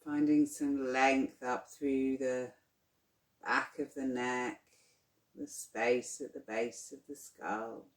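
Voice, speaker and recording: Giving soft, calming instructions for deep relaxation, this yoga nidra guide talks very slowly, in a spacious, unhurried, flat delivery. The recording carries a clear roomy echo.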